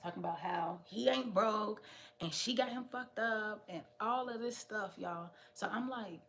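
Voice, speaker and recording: A young woman vlogger tells a story in casual, slangy chat, animated and often speaking straight to her viewers. Her voice is mid-range and her pace measured.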